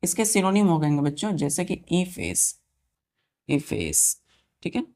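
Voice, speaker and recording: A woman teacher with a slightly low-pitched voice drills English vocabulary for exam students. She spells each word letter by letter, repeats its meaning several times and keeps asking the children whether it is clear. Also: a little fast, mellow. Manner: asks the children questions and checks they follow.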